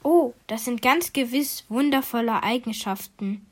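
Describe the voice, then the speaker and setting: A gentle young princess from a storybook, as a woman reads her part. Her voice sits a little high and soft, full of quiet wonder. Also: a little slow. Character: young kind hopeful princess.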